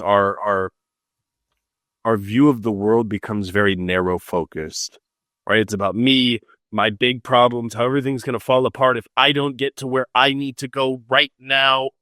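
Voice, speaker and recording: Relaxed and joking, a psychic and mentor from Los Angeles, United States, talks loosely as a guest in a casual podcast interview. His voice is mid-range and smooth. The recording is studio quality with no echo.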